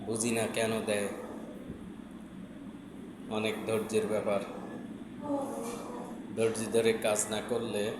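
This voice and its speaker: Man talking with mouth full, slow and flat. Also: on the low side. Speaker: social media vlogger. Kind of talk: casual chat to followers. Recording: echoey room with clear background noise.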